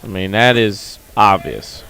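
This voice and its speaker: A man giving color commentary on a high school basketball game in a gymnasium, plain-spoken with brief remarks. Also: animated, slow pace, gravelly, bright, forceful tone, clear, resonant tone.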